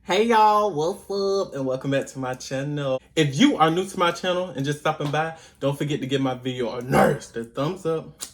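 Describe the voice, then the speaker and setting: A man's voice: medium pitch, brisk. Chatty man eating on camera. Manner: chatty, addresses viewers as y'all, hums while chewing. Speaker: mukbang vlogger. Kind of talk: casual eating vlog chat.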